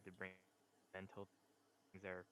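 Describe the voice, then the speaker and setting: Low-voiced guy on a choppy voice call, volume keeps dipping and cutting out, faint hiss behind. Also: monotone, fairly bright tone, rough recording. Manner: halting, searching for words. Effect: glitchy call audio that cuts out, uneven volume. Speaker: gaming podcast panelist. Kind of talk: casual chat over a voice call. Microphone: home mic over an online voice call.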